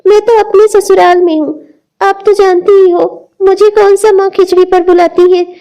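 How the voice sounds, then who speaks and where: A woman's voice: extremely high pitch, fairly even intonation, moderate pace, warm tone. A woman voicing a young married cartoon woman who complains that her mother never invites her. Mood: plaintive. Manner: plaintive, with bitter little laughs. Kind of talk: cartoon dialogue acting.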